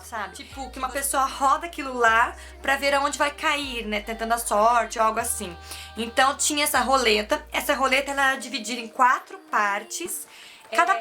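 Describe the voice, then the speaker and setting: A woman's voice: fairly high pitch, sharp tone. A woman earnestly telling a personal story as a vlogger, often asking her listener if they follow. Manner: earnest, emotional, often asks "sabe?".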